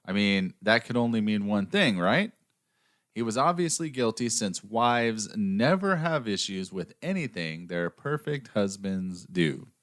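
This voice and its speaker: A man's voice: lowish voice, very animated, unhurried, fairly bright tone. An American man hosting a true-crime podcast, reading scripted narration in a dry, sarcastic way between banter. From United States. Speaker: podcast host.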